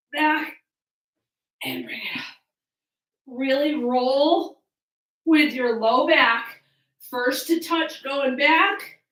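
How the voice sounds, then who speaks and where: A woman with a high, bright voice leads a workout from a little way off in an echoey room. She coaches in encouraging cues and counts, taking her time over the instructions. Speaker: fitness coach leading a home workout. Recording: roomy echo, distant from mic.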